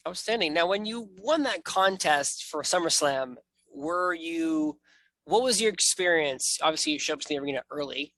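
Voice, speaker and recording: Male interview host, bright punchy voice, dry sound, animated casual talker. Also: fairly high pitch, normal speed, dry recording.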